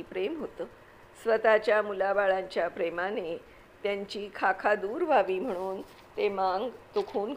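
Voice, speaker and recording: A woman reading a classic novel aloud with measured, expressive storytelling. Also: medium pitch, slight background noise, low-quality recording. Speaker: narrator.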